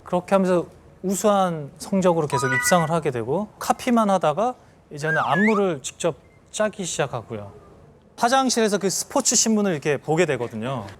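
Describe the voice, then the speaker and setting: A man in his thirties giving a storytelling lecture to an audience, lively and acting out scenes with sound effects. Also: on the high side, a little fast, noisy background. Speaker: celebrity lecturer.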